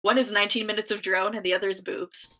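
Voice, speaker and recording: A woman with a bright, forceful voice co-hosts a podcast in loose, casual chat. She rambles through her thoughts, stacking up "like" and restarting sentences as she jokes along. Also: mid-range voice, fairly even intonation. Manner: rambling, heavy use of "like", quick jokes. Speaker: podcast co-host.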